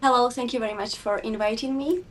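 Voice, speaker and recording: A woman from Slovakia speaks English with a Slovak accent. She talks casually as an interview guest, pausing often and restarting her sentences. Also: fairly high pitch, fairly bright tone, slight background noise, poor audio. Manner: halting, with many fillers and restarts. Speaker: podcast guest, snow biker.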